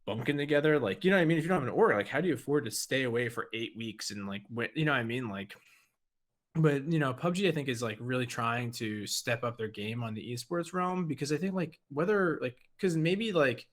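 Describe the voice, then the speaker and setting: A man's voice: medium pitch, lively intonation, fairly quick. A man co-hosting a gaming podcast in casual chat, rambling with lots of "like" and "you know". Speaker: podcast co-host.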